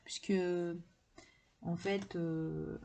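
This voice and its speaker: A woman's voice: on the low side, steady tone, extremely slow, creaky, darkish tone. A woman chatting casually to camera, enthusiastic and rambling with many fillers as she shows her card deck collection. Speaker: tarot and oracle deck collector showing her decks.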